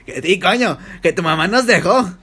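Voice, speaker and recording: A man's voice: high voice, expressive, normal speed, crowd noise. A man voicing a crude, boozy father, swearing and rambling. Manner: swearing, rambling, laughing through lines. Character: crude boozy father with mock Spain accent.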